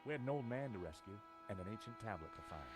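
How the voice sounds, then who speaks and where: An actor playing a wry, quick-witted male adventurer who narrates his own game story with dry understatement. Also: lowish voice, animated, music in the background, close to an everyday voice. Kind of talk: voiced game dialogue and narration.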